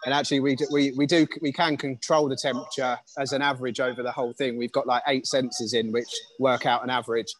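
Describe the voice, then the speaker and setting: A man's voice: medium pitch, level tone, quick pace, few pauses, slight background noise. A man giving a casual guided walkthrough of a stadium's facilities over a phone call, with many fillers. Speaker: stadium grounds manager.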